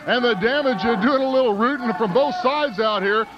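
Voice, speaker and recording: A man calling live pro wrestling play-by-play in an excited, exclamatory way. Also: very high voice, moderate pace. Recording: dull lo-fi broadcast, very noisy.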